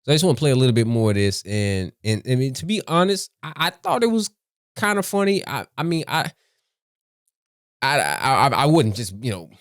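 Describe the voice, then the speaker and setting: A man giving casual opinion commentary in a measured, deliberate way, repeating phrases for emphasis. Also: mid-range voice, very animated, dry recording, studio quality. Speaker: commentator reacting to a comedy skit.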